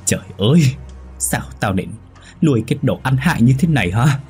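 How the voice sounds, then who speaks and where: A man voicing a domineering old woman, the mistress of the house, who scolds and shouts at servants. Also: fairly low pitch, moderate pace, slightly rough, soft background music. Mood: scolding.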